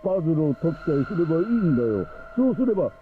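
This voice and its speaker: A man's voice: on the high side, very animated, rapid-fire, background noise. An actor voicing a cruel, scheming middle-aged man in a game, mocking and condescending, heard as muffled game audio with music behind. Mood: smug. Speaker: game character.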